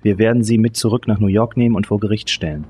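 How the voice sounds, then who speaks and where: A man's voice: on the low side, fairly even intonation, dark tone, slight background noise, close to an everyday voice. A man voicing a small female police detective who speaks formally and evenly, with music behind. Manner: formal, measured.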